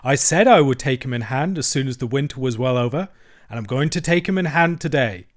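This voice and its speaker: A man's voice: medium pitch, expressive, fairly quick, close to an everyday voice. A man voicing a solemn, commanding old male badger in a storybook reading, grave and firm.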